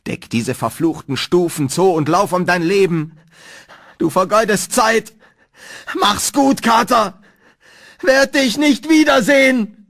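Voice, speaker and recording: A man voicing a panicked young man trapped underground, shouting desperately in a high voice. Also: lively intonation, slow. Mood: resigned urgency.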